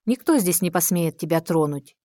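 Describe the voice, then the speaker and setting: A seductive, cruel queen with a soft, rustling voice and a capricious drawl, as a woman reads her in an audiobook. The sound is dry and close. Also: fairly low pitch, lively intonation, moderate pace, dry recording, lightly acted.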